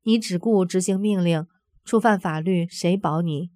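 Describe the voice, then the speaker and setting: A woman reading a first-person testimony aloud in an earnest, steady voice. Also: on the low side, a little slow, no echo, studio quality.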